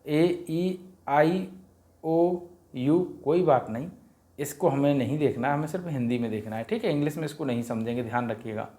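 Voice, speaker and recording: A man's voice: on the high side, normal speed, warm tone. Man drilling vowels in a lesson. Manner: repetitive sing-song vowel drilling, asks and answers himself. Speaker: teacher explaining a worksheet. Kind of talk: Hindi grammar lesson for parents.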